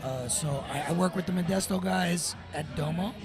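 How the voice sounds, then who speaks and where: A man with a Brooklyn accent whose hoarse voice is giving out, chatting casually and slangily as an interview guest. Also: fairly high pitch, normal speed, music in the background. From Brooklyn, New York. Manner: slangy, profane, street-casual. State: losing his voice. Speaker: guest, rapper and children's book author.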